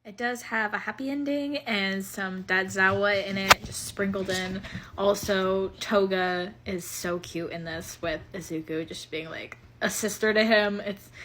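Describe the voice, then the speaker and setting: A woman's voice: medium pitch, fairly bright tone, a little hiss or hum. A young woman casually chatting as she recommends fanfiction, rambling with frequent fillers and laughs. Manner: rambling, lots of "um" and "like", laughs often. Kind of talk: casual chat.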